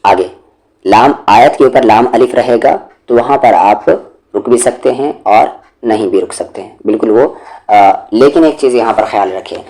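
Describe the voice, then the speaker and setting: Low-voiced patient Quran teacher. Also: male voice, darkish tone. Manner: patient, explains step by step, slow melodic recitation of verses. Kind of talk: explanatory tajweed lesson with recited examples.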